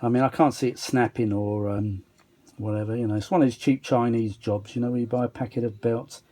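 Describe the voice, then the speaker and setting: Showing off a restoration, a man who collects vintage audio gear rambles casually and chats with self-deprecating humor, muttering asides as he goes. He speaks briskly in a medium-pitched, steady voice with a dark tone.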